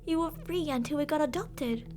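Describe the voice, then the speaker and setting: A woman with a high, natural voice and a moderate pace plays an obsessive, possessive yandere captor in a scripted ASMR roleplay monologue. She is intimate and doting, cooing endearments and dropping to whispers, yet menacing, with a tender, wistful mood.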